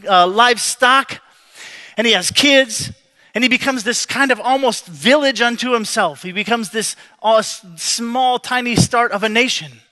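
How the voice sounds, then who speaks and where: Pastor guy preaching, chatty and jokey, kinda high bright voice, restarts a lot. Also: moderate pace. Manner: conversational, joking storyteller with frequent restarts. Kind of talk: sermon.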